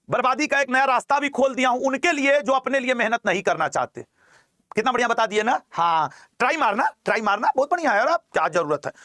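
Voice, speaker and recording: Male exam coach, very high voice, dry close sound, jokey lecturing, repeats key terms. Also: sharp tone, no room sound. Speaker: teacher.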